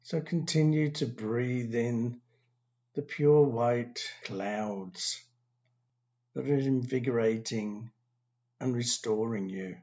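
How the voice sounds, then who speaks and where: A man guiding a meditation, giving slow, calm, soothing instructions with long pauses. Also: mid-range voice, muffled recording. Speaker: meditation teacher. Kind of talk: guided meditation.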